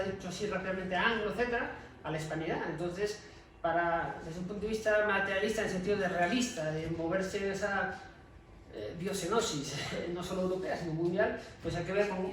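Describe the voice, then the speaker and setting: A man's voice: high voice, fairly bright tone. A man giving a loosely improvised academic panel talk in a hesitant, discursive manner, with frequent check-tags. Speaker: panel speaker. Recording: very echoey, distant mic, faint noise.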